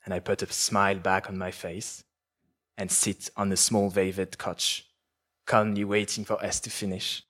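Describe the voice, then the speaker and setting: A man with a fairly low voice reads his own literary prose in a measured, poetic cadence. When he answers questions afterward, he turns halting and restarts his sentences. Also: flat delivery, fairly bright tone. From France. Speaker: author. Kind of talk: literary reading and interview answers.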